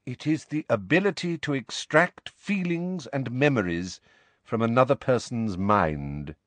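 A man voicing a cold, sneering middle-aged male professor who speaks slowly and with contempt. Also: medium pitch, lively intonation, fairly bright tone, no echo, pitched above the performer's own voice. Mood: contemptuous. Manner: slow, contemptuous, clipped.

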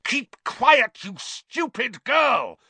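A man's voice: medium pitch, very animated, unhurried, pushed and bright, no room sound, voice pushed up, heavily acted. A man voicing a sneering, unhinged male schoolteacher who hisses silkily and shrieks in rage. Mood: raging. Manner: silky hiss rising to shrieks.

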